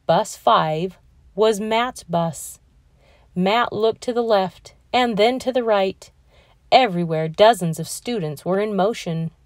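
Slow-paced woman reading a picture book. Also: mid-range voice, dry recording, clean studio sound. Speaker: read-aloud narrator.

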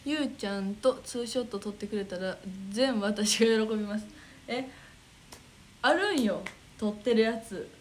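A young idol with a Kansai accent hosts a casual livestream, reading viewer comments aloud, giggling often, and muttering to herself as she hunts for the next one. Her voice sits on the high side at a normal speed. The recording is rough, with slight background noise.

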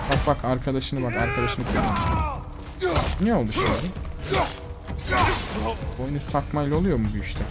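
Swearing man talking back to a game. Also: medium pitch. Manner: swearing, talks back to the game, loud outbursts. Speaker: gamer streamer. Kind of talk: casual let's-play commentary. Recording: loud game music behind.

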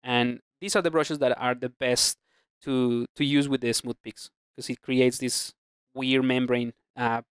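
A ZBrush instructor, speaking close to the mic, narrates a voice-over for a screen-recorded 3D sculpting tutorial. His medium-pitched, smooth voice is relaxed as he thinks aloud about his brushes, full of fillers and restarts, in a dry, studio-quality recording.

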